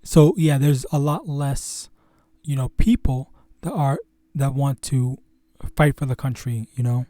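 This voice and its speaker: A man hosting his own religious channel, teaching scripture informally in a halting, stuttering way full of fillers and restarts. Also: mid-range voice, warm tone, no echo, studio quality.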